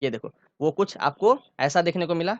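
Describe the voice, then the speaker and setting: A man's voice: a little high, lively intonation, moderate pace, dry recording, dull audio. A man teaching a science lesson to school students, explaining step by step, repeating key terms and often checking whether they understood. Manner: informal, repeats key phrases. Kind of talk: online classroom lecture.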